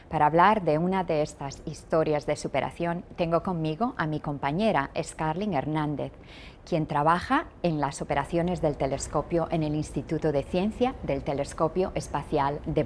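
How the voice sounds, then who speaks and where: A woman engineer hosting an interview, speaking in a measured, scripted way. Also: low voice, a little hiss or hum. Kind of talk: hosted interview.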